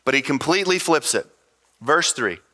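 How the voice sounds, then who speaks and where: A pastor preaching a sermon to his church in an earnest, conversational way, pausing often to talk straight to his listeners. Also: on the high side, lively intonation, pushed and bright, big-room sound. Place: church stage.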